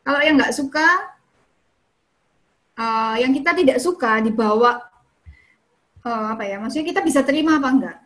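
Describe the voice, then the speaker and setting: Woman, high voice, church fellowship speaker, casual advice talk, chatty, asks and answers her own questions. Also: normal speed, pauses often, fairly bright tone. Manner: chatty, often ends points with "kayak gitu" and "gitu ya"; asks the listeners questions and then answers them.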